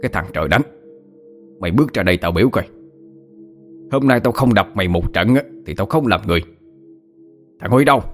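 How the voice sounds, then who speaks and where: Guy doing a raging dad yelling at his kid, lowish voice, soft music in the back. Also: animated, a little fast, long pauses, natural voice. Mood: furious. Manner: yelling, scolding. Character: furious middle-aged male village ritual master, father.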